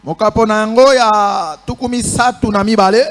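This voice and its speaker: Very high-pitched male sermon interpreter. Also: steady tone, moderate pace, long reverb tail. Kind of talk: phrase-by-phrase live interpreting of a sermon.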